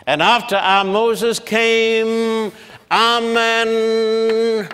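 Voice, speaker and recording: A man giving a public Bible lecture at a blackboard, talking slowly and deliberately and sounding out long names syllable by syllable. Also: very high-pitched, flat delivery, a bit bright, smooth. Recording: long hall reverb.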